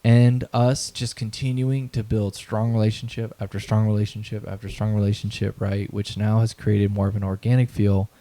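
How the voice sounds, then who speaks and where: A man in his thirties, founder of an event, is a guest in a conversational interview, speaking earnestly and motivationally about his mission and values. His voice is lowish and dark, fairly flat in pitch, at a moderate pace with few pauses. He repeats phrases and keeps checking in with "right?"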